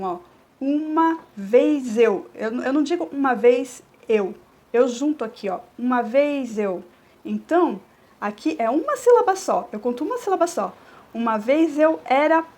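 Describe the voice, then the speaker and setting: A woman teacher from Brazil giving a recorded review lesson, explaining step by step, often checking in with her students and drawing out syllables as she scans verse. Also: fairly high pitch. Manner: stretches words when scanning verse.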